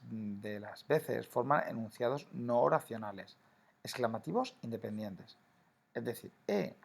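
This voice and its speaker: A man's voice: medium pitch, creaky. A man teaching a grammar lesson to schoolchildren, explaining patiently and often checking in with "¿vale?". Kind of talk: recorded classroom grammar lesson.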